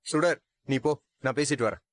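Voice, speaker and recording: A man's voice: mid-range voice, a little fast, lightly acted. An actor playing a man who is being arrested and protests that he is innocent. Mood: firm. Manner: protesting, pleading. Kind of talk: TV serial acting.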